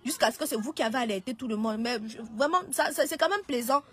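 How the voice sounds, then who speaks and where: Lady on a live stream, high voice, keeps restarting her sentences. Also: fast, a bit bright. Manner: hesitant, restarts and pleads. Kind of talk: casual live-stream talk.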